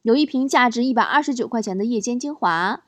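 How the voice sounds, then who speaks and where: A woman's voice: fairly high pitch, animated, fast, dry recording. Playful woman host reading jokes. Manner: playful, teasing, laughs between stories. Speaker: radio-style host reading listener messages. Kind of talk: casual chat, reading jokes aloud. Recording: noisy recording.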